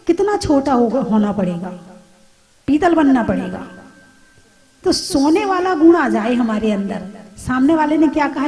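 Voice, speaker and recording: A woman, a Jain nun, giving a conversational sermon full of rhetorical questions and gentle humor. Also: sits high.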